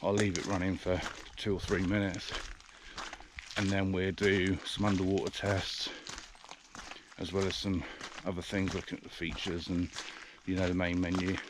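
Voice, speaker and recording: British man, low pitch, casual outdoor vlogger, slightly winded, hesitant and chatty, camera mic with noise behind. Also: flat delivery, normal speed. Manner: rambling, hesitant, many fillers. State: out of breath. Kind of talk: casual walking vlog. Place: outdoors in the countryside, walking by a river. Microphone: action camera's built-in mic.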